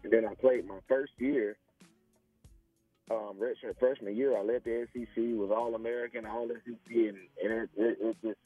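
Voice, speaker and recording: A man's voice: medium pitch, steady tone, moderate pace, mellow. A man in his forties from small-town Alabama with a Southern US accent, telling his story casually and often saying "you know.". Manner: conversational, peppered with "you know". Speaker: interview guest, former pro football player. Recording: tinny phone line, faint music.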